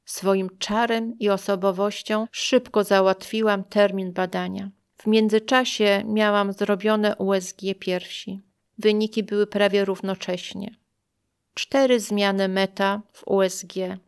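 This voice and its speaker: A woman reading her own first-person story aloud in a measured, reflective way. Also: medium pitch, flat delivery, clean tone.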